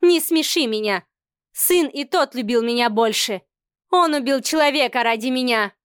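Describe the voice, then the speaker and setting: A woman reading the part of a haughty, cynical middle-aged mother in an audiobook, speaking slowly and sarcastically. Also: sits high, fairly bright tone, clear, resonant tone, dry recording, studio quality. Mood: scornful. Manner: sarcastic, slow and cutting.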